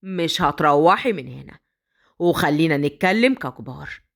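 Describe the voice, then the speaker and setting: A woman voicing a ruthless male mafia boss who speaks slowly and mockingly in an Egyptian accent. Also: lively intonation, creaky. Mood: menacing. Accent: Egyptian Arabic. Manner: slow, low, taunting.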